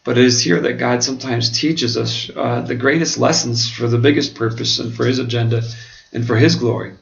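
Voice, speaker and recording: Gravelly American man with a swollen, numb-sounding mouth. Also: mid-range voice, steady tone, brisk. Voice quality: slightly impaired articulation from a swollen mouth after surgery. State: swollen mouth after oral surgery, as if numb from the dentist. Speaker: pastor and seminary student. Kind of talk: reflective monologue to camera, answering questions. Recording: dull lo-fi home video, clearly noisy.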